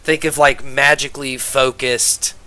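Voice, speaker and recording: A man's voice: mid-range voice, little pitch movement, measured pace, pushed and bright. A man acting as game master, casually narrating and explaining a tabletop game to players.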